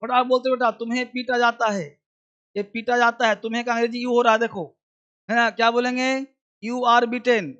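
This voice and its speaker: A man teaching English in a live online lesson, drilling phrases with repetition and urging viewers to answer fast. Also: extremely high pitch, flat delivery, a bit bright, lo-fi sound.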